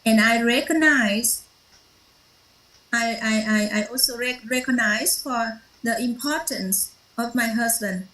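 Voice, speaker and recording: A woman whose first language is Vietnamese shares a personal story at a workshop, halting often with fillers and restarts. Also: a little high, fairly bright tone, reverberant, low-quality recording. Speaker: workshop participant.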